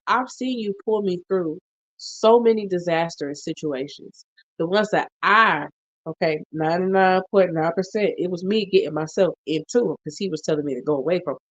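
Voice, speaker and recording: Host: woman with a lowish voice, animated and playful, testifying about faith, slightly muffled dry recording. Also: no room sound. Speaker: podcast host. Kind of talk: casual chat.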